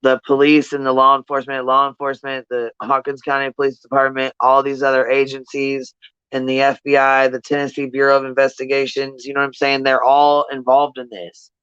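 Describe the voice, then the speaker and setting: Here a livestream host chats with viewers, delivering blunt, profane, slangy commentary and hammering points through repetition. The voice is clean and smooth, monotone, medium-pitched and a little fast, recorded dry and somewhat dull.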